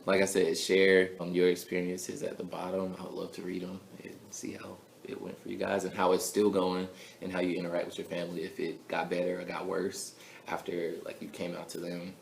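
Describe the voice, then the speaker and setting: Low gravelly young man vlogging. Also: monotone, a little fast, slight background noise. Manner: chatty, full of "like" fillers, soft mumbles between louder bursts. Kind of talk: casual storytelling to camera. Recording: echoey room with faint ambience.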